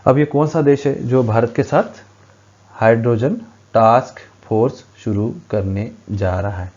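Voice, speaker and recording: A man gives an exam-prep current affairs lesson, talking through quiz questions at a board and often pausing with hesitant fillers. His voice sounds mellow and dark. The recording is dull and lo-fi. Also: mid-range voice. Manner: explains at a board, frequent hesitations.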